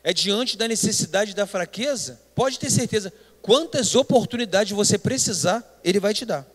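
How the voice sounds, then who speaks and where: A man's voice: high voice, lively intonation, moderate pace. A Brazilian man, a pastor, preaching a Sunday school sermon with emphatic delivery, often addressing the listeners as brothers. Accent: Brazilian Portuguese. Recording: long hall reverb.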